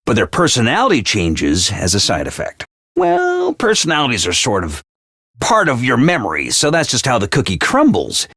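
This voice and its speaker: In clean, dry studio video game voice lines, a male actor plays a manic, theatrical drill-sergeant schoolmaster who is always scheming. His booming full character voice barks cheerful orders at the troops, then sinks into low, calm menace.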